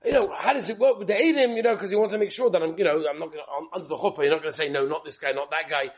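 A man with teaching a religious class as a rabbi, telling stories with rhetorical questions and repeated phrases, in a husky voice. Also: high-pitched, very fast. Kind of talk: lively religious lesson with storytelling.

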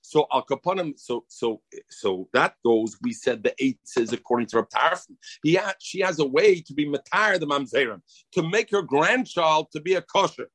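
A man's voice: fairly high pitch, expressive, normal speed, fairly bright tone, slightly rough, no echo, low-quality recording. A man with a Yiddish accent giving an informal Talmud lesson, reading and explaining, often repeating himself and answering his own questions. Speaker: Talmud teacher.

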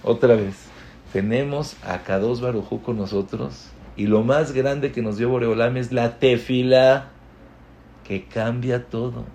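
A man's voice: mid-range voice, fairly even intonation, unhurried, warm tone, slight background noise. A man giving a religious talk to an audience as a Torah teacher, speaking emphatically, repeating words for stress and mixing in Hebrew terms. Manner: sprinkles Hebrew terms into his speech.

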